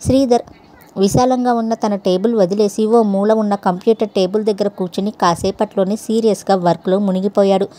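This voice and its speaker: A woman's voice: medium pitch, steady tone, a little fast, warm tone. Woman narrating a story. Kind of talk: scripted narration.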